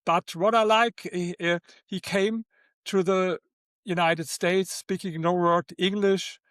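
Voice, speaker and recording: Older german guy with accent, kinda high voice, dry sound, keeps repeating words. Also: steady tone, fairly bright tone, clean tone, no room sound. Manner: halting, repeats words, non-native phrasing. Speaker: guest author. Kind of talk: interview conversation.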